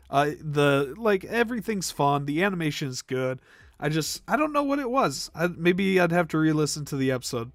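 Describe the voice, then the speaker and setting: The voice belongs to a young man livestreaming, fairly high in pitch and captured at studio quality with no echo. He rambles with fillers while ranking movies in casual chat, now and then coughing because his throat is irritated.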